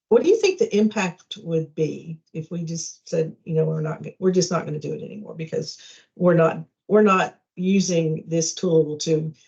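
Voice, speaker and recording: In a casual work meeting held over a video call, a colleague thinks aloud about the issue, reflective and agreeable and offering many backchannels. The voice is mid-range, creaky, and dark-toned, and the call sounds dull and lo-fi.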